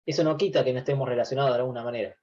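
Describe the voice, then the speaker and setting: A man's voice: mid-range voice, fairly even intonation, racing, darkish tone, muffled recording. A man teaching a university class over a video call. He explains patiently, restarting phrases and often saying "eh". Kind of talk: online class lecture.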